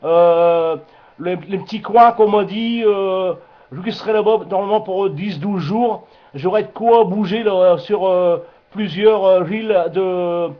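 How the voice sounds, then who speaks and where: Over a muffled amateur radio transmission, a man with a high-pitched voice chats casually at a slightly slow pace. He sounds hesitant and repeats himself, often searching for words during this casual radio contact.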